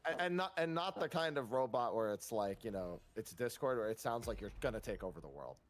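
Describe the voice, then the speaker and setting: Man, mid-pitched, easygoing guildmate cracking jokes over voice chat. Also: expressive, fairly quick. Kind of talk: casual gaming chat.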